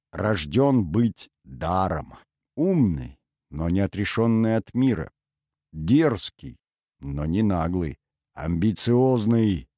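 A man narrating an audiobook in a measured, dramatic reading style. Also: low-pitched, a little mellow, no room sound, studio quality. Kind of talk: scripted narration.

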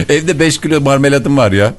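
A man's voice: medium pitch, normal speed, soft background music. Guy on morning radio, playful, laughs a lot, easy mid voice, studio chat. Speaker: radio show co-host. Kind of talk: casual morning radio banter.

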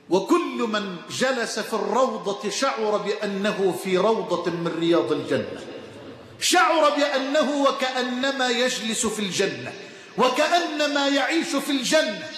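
A man with an Egyptian accent delivering a Friday sermon, impassioned, swinging between shouts and hushed tones, in a mosque. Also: sits high. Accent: Egyptian Arabic. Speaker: preacher. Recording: echoey hall with faint ambient noise.

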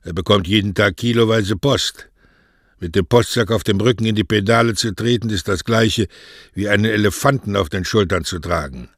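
A man's voice: on the low side, moderate pace, a bit bright, no room sound, studio quality. A man reading a storybook voices a grumpy, lazy older postmaster who speaks in a sour, blunt way. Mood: grumbling.

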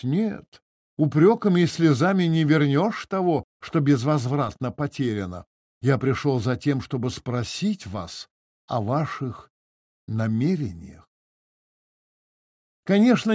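A man's voice: a little high, a little mellow, no room sound, clean studio sound. A man reading the part of an aggrieved middle-aged notary, speaking formally and with agitation. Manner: formal, stiffly polite, agitated. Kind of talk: audiobook character reading.

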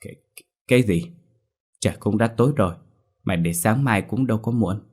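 A man's voice: fairly low pitch, fairly quick, darkish tone, breathy edge. A man voicing a talkative, teasing village man in his thirties in a storybook reading.

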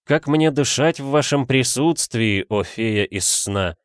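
A man's voice: medium pitch, lively intonation, takes it slowly, no echo, clean studio sound, voice pushed up. A man doing a fawning gallant detective. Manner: florid, fawning, theatrical. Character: fawning flowery male police detective, shameless gallant. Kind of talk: audiobook character voice.

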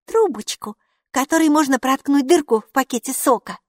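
A woman voicing a feisty little girl in a children's audiobook, speaking in a high, squealing voice. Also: expressive, moderate pace, no echo, studio quality. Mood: excited.

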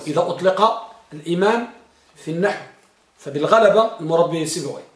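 A man's voice: high-pitched, reverberant. A man teaching Arabic grammar. He quizzes his students and stretches out words to drive a point home. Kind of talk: Arabic grammar lesson with question-and-answer drill.

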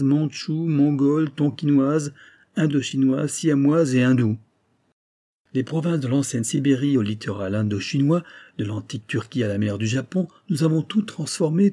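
A man's voice: fairly high pitch, mellow, slightly rough, pitched above the performer's own voice. A man reading aloud and voicing a proud, haughty doctor who lectures with emphasis and veiled menace. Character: proud, threatening Japanese male doctor, middle-aged.

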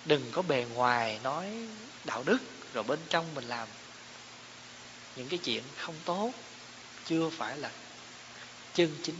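A man's voice: medium pitch, expressive, a little slow, pauses often. A man giving a Buddhist dharma talk, explaining terms and asking his listeners rhetorical questions. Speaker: Buddhist teacher. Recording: echoey hall, dull lo-fi sound, faint hiss.

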